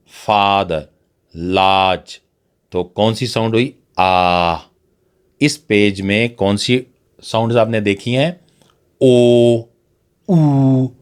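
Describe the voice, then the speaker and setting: A man explains pronunciation rules slowly and carefully, pausing on each example word. His voice sits a little low and sounds smooth and resonant. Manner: patient, repeats example words one by one. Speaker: English teacher. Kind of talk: slow explanatory lesson.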